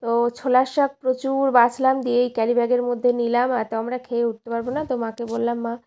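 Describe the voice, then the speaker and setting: A woman's voice: a little high, level tone, rapid-fire, mellow. A young woman narrating her daily vlog in a chatty, rambling way, often correcting herself mid-sentence. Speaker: vlogger and schoolteacher.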